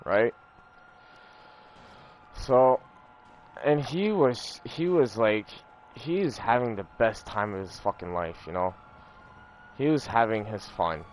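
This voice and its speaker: Young man, low voice, casual gaming chatter, rambling, profane, full of fillers. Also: expressive, slow pace, pauses often, slight background noise. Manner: rambling, profane, repeats himself with lots of fillers. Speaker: gaming streamer. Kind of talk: casual storytelling over gameplay.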